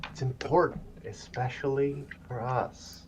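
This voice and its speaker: A man's voice: mid-range voice, steady tone, a little slow, noisy background. A man playing in a tabletop game, joking wryly during an out-of-character chat over a dull lo-fi mic. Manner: wry, joking. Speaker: player.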